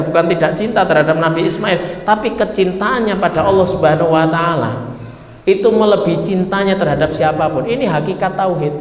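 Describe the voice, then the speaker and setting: A man with a Javanese accent preaching a sermon in a joking, chatty way, often turning to the audience. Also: sits high. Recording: echoey hall with faint noise.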